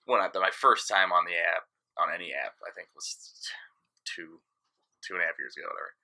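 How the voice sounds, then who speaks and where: A man in his late thirties chats on a podcast as a guest DJ. His voice is fairly low but very bright and forceful. He tells his stories frankly and at rambling length. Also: brisk. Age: 30s. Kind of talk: casual podcast chat.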